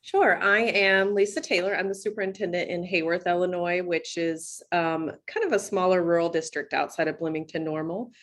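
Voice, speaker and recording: A woman's voice: fairly low pitch, steady tone, moderate pace, hardly any pauses. A middle-aged woman with an American accent, speaking as a school superintendent and webinar guest, explaining things in a conversational professional way.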